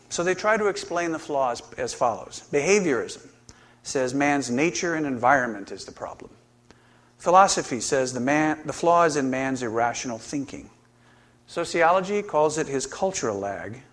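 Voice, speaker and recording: A male preacher delivering a sermon, talking conversationally. He brings quoted lines to life with playful, animated delivery. His voice sits at an ordinary middle pitch. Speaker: preacher and counselor.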